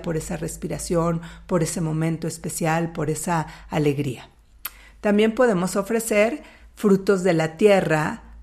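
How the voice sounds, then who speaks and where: Female host, Latin American Spanish accent. Deep register, gravelly edge, informal spiritual teaching, unhurried and deliberate. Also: darkish tone. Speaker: host of a spiritual talk series. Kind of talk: informal spiritual talk to listeners.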